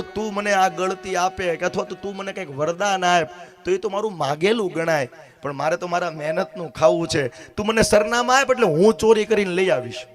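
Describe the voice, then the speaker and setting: A man tells a devotional story as a sermon. He acts out the dialogue with drama and turns to speak straight to his listeners. Soft instrumental music plays faintly behind him. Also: high voice. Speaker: katha storyteller.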